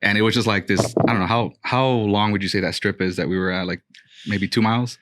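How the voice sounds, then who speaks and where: A man in his thirties, a podcast co-host from Brooklyn, talking in a relaxed, rambling way with lots of fillers. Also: on the low side, quick pace, slight background noise. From Brooklyn, New York. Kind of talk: casual chat.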